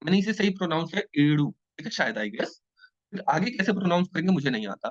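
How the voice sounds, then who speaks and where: Quick-paced and on the high side, this man's voice comes through a dull, lo-fi, dry recording. He runs an online exam-prep lecture in a playful, lively way, frequently pausing to check in with students.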